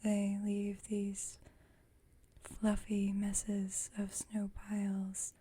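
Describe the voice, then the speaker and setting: Speaking extremely slowly at medium pitch, a woman plays a calm, dryly witty vampire roommate, centuries old, in an ASMR roleplay. Her whisper is soft and breathy, her phrasing gentle and slightly formal, and the mood calm and reflective.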